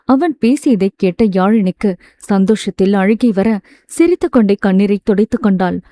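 A woman reading a romance novel aloud as a steady, smooth storyteller. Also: medium pitch, normal speed. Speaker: audiobook narrator. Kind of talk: scripted narration.

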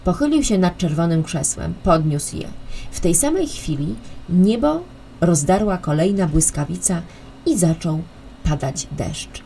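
Woman narrating a kids story, kinda low voice, faint hiss behind. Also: gravelly, dark tone. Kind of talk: children's audiobook narration.

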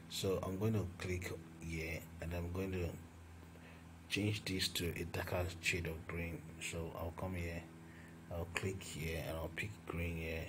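A man with a deep, low voice narrates a screen-recorded design lesson at an unhurried pace. He talks through each step as he goes, with fillers and restarts. Background noise runs clearly under his voice. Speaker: design tutor. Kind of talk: screen-recorded software tutorial.

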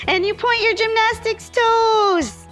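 A woman's voice: extremely high pitch, slow pace, a bit bright, faint music behind. A young woman gymnastics coach giving an upbeat, encouraging lesson on a kids' show.

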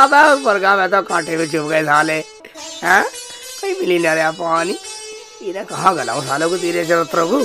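A woman's voice: lowish voice, creaky, bright, forceful tone, exaggerated voice. A woman playing a foolish, hot-tempered young village man who rants and curses to himself, in a comedy sketch with music behind. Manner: ranting, cursing, muttering to himself. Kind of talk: low-budget comedy sketch acting.

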